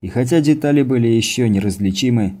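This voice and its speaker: A man reading a science fiction audiobook as narrator, in steady scripted narration. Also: medium pitch, fast talker.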